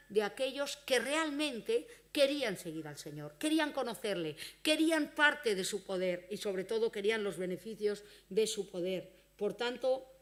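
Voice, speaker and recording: A woman with a Spain Spanish accent preaching a sermon in church, earnest and conversational. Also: on the high side. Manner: earnest, conversational, with acted-out quoted dialogue.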